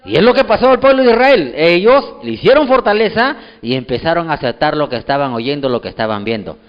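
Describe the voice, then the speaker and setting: A man preaching a sermon with a lively, swooping voice that sits a bit high. He tells his story with energy and voices each person in it. The sound is dull and rings through a big hall. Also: fast. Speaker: pastor.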